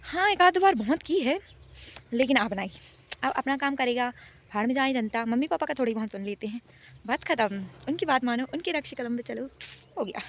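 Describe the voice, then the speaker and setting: A woman's voice: high-pitched, animated, fairly quick, a little hiss or hum. Chatty young woman vlogging at home. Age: young adult. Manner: chatty, playful, laughs often. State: unwell with a fever. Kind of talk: casual vlog chat. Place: family home, indoors and outdoors.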